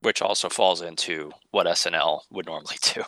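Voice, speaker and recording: A man's voice: sits low, fairly even intonation, fairly quick, sharp tone, no room sound. A man co-hosting a podcast, adding brief, matter-of-fact remarks about a film. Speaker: podcast co-host. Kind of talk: casual film discussion.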